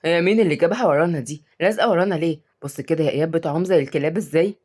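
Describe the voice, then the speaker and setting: A woman's voice: medium pitch, very animated, very fast. A woman voicing a stubborn, gloating young Egyptian boy who taunts his nanny. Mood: taunting.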